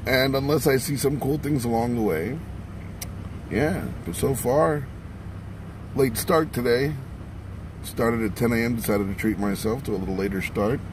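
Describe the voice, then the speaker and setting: Losing his voice, a man self-narrates a casual travel vlog on windy streets in town, chatty and wry. His mid-range voice moves at a moderate pace with long pauses, over a noisy background and music running under the speech.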